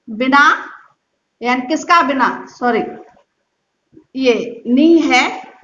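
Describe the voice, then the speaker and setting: A woman teacher giving a reading lesson, speaking slowly and patiently, repeating words syllable by syllable. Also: high voice, bright, forceful tone. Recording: dull, echoey room.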